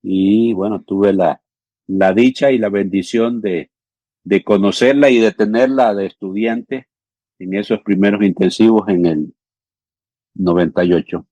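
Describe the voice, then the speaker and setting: Speaking earnestly in an interview, this Salvadoran man in his fifties, a pastor and theological education coordinator, keeps checking in with fillers like "¿sí?" and "ujú". His lowish, mellow voice stays steady at a measured pace, and there's no room sound.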